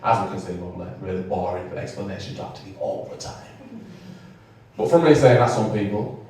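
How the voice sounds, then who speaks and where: A young English stand-up comedian with a fairly low, mellow voice talks briskly in a small comedy venue before a live audience. Chatty and rambling, he swears and teases the crowd between jokes, drawing laughter, and the mic picks him up from a distance in an echoey room.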